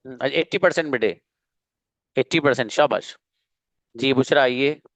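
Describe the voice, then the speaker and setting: A man's voice: medium pitch, a little slow, no echo. Earnest male online teacher, coaxing and repetitive, close and dry. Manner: coaxing, earnest, repeats himself. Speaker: English teacher. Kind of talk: online spoken English class.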